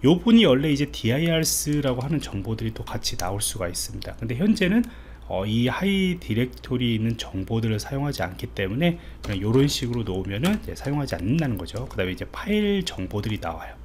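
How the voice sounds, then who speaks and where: The noisy recording, with clearly audible background noise, features a lively male coding instructor speaking at medium pitch, at a quick pace with hardly any pauses. He explains informally and thinks aloud while typing in a step-by-step screen-recorded tutorial voiced over indoors.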